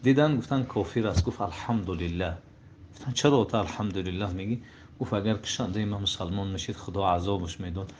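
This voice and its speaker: A man giving a sermon and retelling stories, his voice rising to emotional peaks and falling to hushed passages. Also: low-pitched. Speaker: preacher. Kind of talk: sermon storytelling. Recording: dull lo-fi recording with faint noise.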